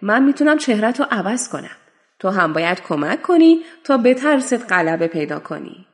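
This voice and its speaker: A woman's voice: mid-range voice, sing-song, long reverb tail. A woman voicing a bold, encouraging rooster in a children's story, speaking in a confident, reassuring way.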